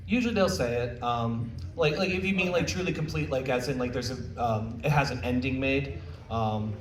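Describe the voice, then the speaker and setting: At medium pitch and a moderate pace, a man running a convention panel as a visual novel developer jokes around and takes audience questions in a relaxed, conversational way. The recording sounds roomy, with a far-off mic and light background noise.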